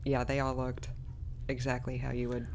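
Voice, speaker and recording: Co-host with a gravelly, fry-tinged voice, chatty and casual. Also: mid-range voice, completely flat delivery, normal speed, slight background noise. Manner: chatty, many "like" fillers, laughs along. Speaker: podcast co-host. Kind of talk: casual review chat.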